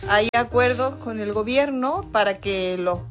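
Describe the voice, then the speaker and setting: A woman's voice: a little high, unhurried, soft background music. A woman who teaches evangelical religion, a guest on a talk show, explaining her work earnestly and at length. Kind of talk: radio talk show conversation.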